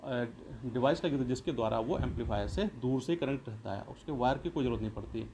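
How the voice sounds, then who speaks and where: Warm in tone and fast-talking, this mid-range male voice belongs to a school teacher explaining a lesson. He circles back to rephrase points and raises questions he then answers, with clear background noise behind him.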